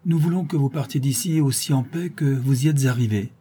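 A man voicing a calm, courteous nomad chief who speaks formally in a read-aloud travel story. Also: mid-range voice, fairly quick, a little hiss or hum, pitched above the performer's own voice, natural voice. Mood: reassuring.

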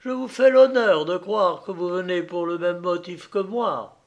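A man reading an audiobook, voicing a stern, dignified old father who speaks gravely and formally. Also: high-pitched, measured pace, lo-fi sound, pitched above the performer's own voice.

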